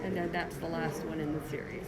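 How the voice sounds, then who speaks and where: A woman's voice: deep voice, steady tone, a little fast, very noisy. A woman from the Congo, an artist giving a casual livestream tour of her exhibition, chatting as she walks through an indoor gallery on her phone. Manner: chatty, showing work while walking around. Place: indoor art gallery at a busy opening. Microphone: handheld phone livestream. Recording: crowd chatter behind, phone mic. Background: gallery crowd chatter.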